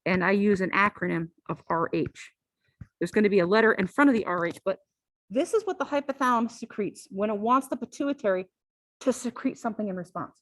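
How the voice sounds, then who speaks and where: A woman's voice: mid-range voice, fairly quick, no room sound, low-quality recording. A woman teaching a physiology class, talking conversationally and often checking in with "all right?". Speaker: physiology lecturer. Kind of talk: classroom lecture.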